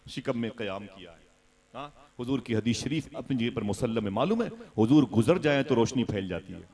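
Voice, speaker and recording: Impassioned male preacher, dramatic storytelling. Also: medium pitch. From India. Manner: dramatic storytelling, swelling to loud cries; leads the crowd in call-and-response. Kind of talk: impassioned religious sermon.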